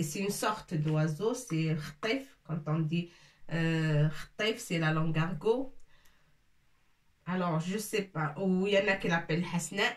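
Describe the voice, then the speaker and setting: A woman teaching a lesson, speaking patiently, repeating each word and checking that her listeners follow. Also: mid-range voice. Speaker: Arabic teacher. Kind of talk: slow explanatory lesson, French mixed with Arabic terms. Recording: echoey room, voice from a distance.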